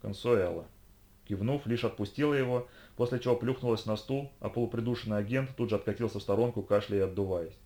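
A man reading an audiobook in a steady, measured way. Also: on the low side. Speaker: audiobook reader. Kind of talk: audiobook narration.

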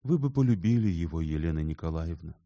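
A man's voice: deep voice, animated, fast talker, dark tone, no echo, clean studio sound. A man voicing a shy, earnest young male scholar in an audiobook, speaking mildly and carefully. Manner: mild, careful, a little bashful. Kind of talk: audiobook character reading.

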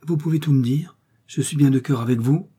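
A man's voice: mid-range voice, brisk, dark tone, slightly rough, voice pushed up, close to an everyday voice. A man voicing a determined young woman from a storybook who speaks with cold, insistent resolve. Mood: pleading. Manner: firm, insistent pleading.

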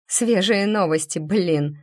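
A woman voicing an excitable young female friend who talks loudly and eagerly. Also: on the low side. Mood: excited. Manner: loud, eager, quick to cheer up.

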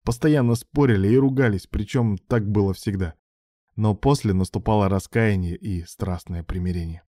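Low, mellow male narrator. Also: normal speed, no echo, studio quality. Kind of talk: audiobook narration.

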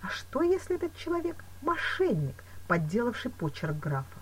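A woman reading an audiobook voices a calm, suspicious male fencing teacher who questions slowly and deliberately, in her slightly husky voice. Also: fairly high pitch, voice pushed up. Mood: doubtful.

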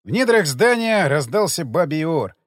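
A male audiobook narrator with a fairly high, very lively voice, telling the story expressively. The recording is dry and close. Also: moderate pace, no echo.

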